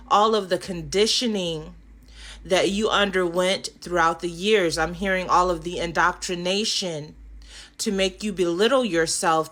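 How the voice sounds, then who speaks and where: A woman doing a spiritual card reading for her viewers, affirming and animated, often checking in with "okay?" and yawning now and then. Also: lowish voice. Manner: animated, affirming, frequent "okay?" tag questions. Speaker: tarot and oracle card reader.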